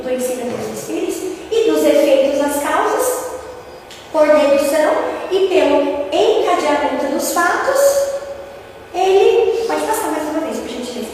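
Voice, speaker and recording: A woman's voice: sits high, a little mellow, slight background noise. A woman with a Brazilian Portuguese accent giving a spiritist lecture to an audience. She speaks in an earnest, teaching tone and often checks in with her listeners. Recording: echoey hall recorded from far off, faint ambience.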